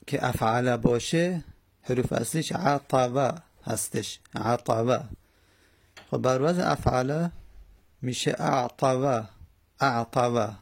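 A man's voice: mid-range voice, creaky. A man teaching an Arabic morphology lesson, carefully working through verb forms and repeating each one aloud.

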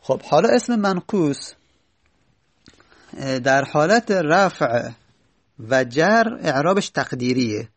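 Gravelly male grammar teacher, patient. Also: a little high, expressive, no room sound. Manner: patient, repeats key points slowly. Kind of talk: explanatory grammar lesson.

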